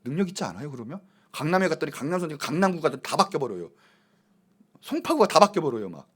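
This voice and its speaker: A middle-aged man preaches with animated emphasis. His voice sits fairly high and swings widely in pitch. He mixes earnest exhortation with casual, chatty asides. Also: quick pace, husky. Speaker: pastor. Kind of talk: sermon.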